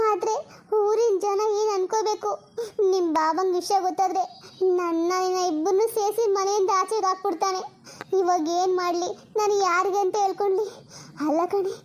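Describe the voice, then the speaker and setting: A woman voicing a worried elder sister who works as a poor housemaid and lectures her younger sister with proverbs. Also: extremely high pitch. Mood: distressed. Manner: lectures and scolds, uses proverbs.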